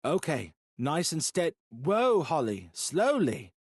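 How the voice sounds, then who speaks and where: A tense, irritated man who remote-controls a rover , as a male narrator voices him. He talks urgently and a bit higher and louder than the narrator's own voice, recorded close and dry. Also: expressive, normal speed, no room sound. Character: adult man, gruff remote rover operator.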